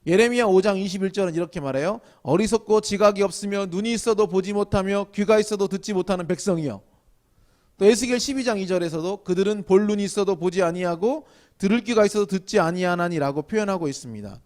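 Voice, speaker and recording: A man's voice: high voice, fast talker, darkish tone. A male pastor giving a sermon in a chatty style, asking the listeners questions and acting out lines of scolding. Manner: conversational, asks the audience questions and acts out scolding quotes. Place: indoor church hall at a small evening gathering.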